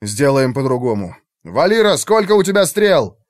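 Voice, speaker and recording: A man's voice: mid-range voice, big pitch swings, moderate pace, dry recording, clean studio sound, lightly acted. A man voicing a stern male knight commander who barks curt orders in a fantasy audiobook.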